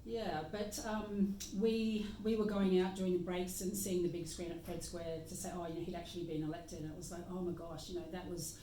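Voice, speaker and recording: A lower-voiced Australian woman with a mellow, soft tone talks reflectively and unhurriedly. She sits back from the mic, and the room gives her voice a noticeable echo. A faint background hiss runs underneath. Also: little pitch movement, fairly quick, few pauses. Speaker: guest practitioner. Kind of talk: casual conversation. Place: meeting room indoors. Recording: echoey room, mic at a distance.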